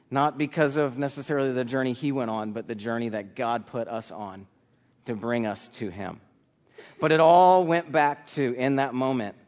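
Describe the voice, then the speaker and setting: A man giving a sermon as a children's pastor, moving between personal testimony and Bible teaching. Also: mid-range voice. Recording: muffled sound in reverberant hall.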